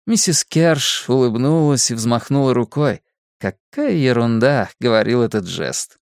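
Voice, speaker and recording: A man narrates a story at a measured pace, in a voice of middle pitch. The recording is dry and close, with no room echo. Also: animated, vocal fry. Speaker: audiobook narrator. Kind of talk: scripted narration.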